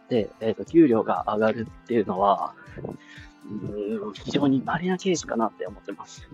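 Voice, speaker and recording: A man in his twenties with a Kansai accent, chatting casually as a podcast host with lots of fillers. He talks outdoors, and his voice booms back in a strong echo. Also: wildly swooping pitch, moderate pace, vocal fry, pauses often, darkish tone, lo-fi sound, soft background music. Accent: Kansai Japanese. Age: 20s. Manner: rambling, filler-heavy, chatty. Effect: strong booming echo of a resonant outdoor spot. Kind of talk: casual solo talk. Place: outdoors, with passing motorbikes and cars.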